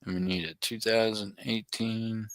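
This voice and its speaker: A middle-aged man hosts a live auction stream, chatting casually and joking with viewers by name. His voice is fairly low and flat, his pace unhurried, and the recording dry.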